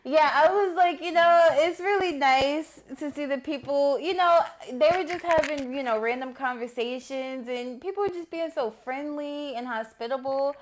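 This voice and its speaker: A woman's voice: high voice, normal speed, hardly any pauses. A woman co-hosting a casual vlog, playful and teasing, who laughs often. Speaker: co-host. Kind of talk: casual chat.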